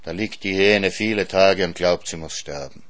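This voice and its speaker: Man, storyteller, reading aloud, low voice, calm. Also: normal speed. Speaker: narrator.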